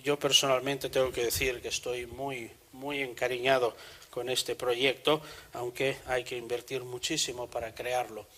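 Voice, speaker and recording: A man preaching a sermon in church, measured and earnest, also reading scripture aloud. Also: mid-range voice, little pitch movement, a bit bright, low-quality recording.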